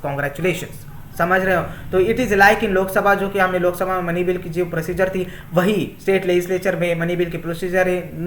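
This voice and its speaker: A man's voice: high voice, fairly bright tone. A young man teaching an exam-prep class in Hindi mixed with Indian-accented English, often repeating himself and asking his students "my friends". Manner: repetitive, often asks "my friends" and "है ना". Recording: echoey room.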